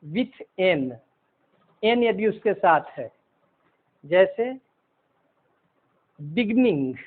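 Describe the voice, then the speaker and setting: A man teaching English pronunciation, explaining word by word in a slow, deliberate way. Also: high voice, animated. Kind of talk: pronunciation lesson. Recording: phone-like narrow sound.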